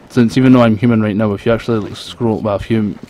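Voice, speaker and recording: Low-voiced man with thick Scottish accent. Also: dark tone. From Scotland. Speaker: gaming video creator, commentator. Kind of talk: casual gameplay commentary. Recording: low-quality home mic with background noise.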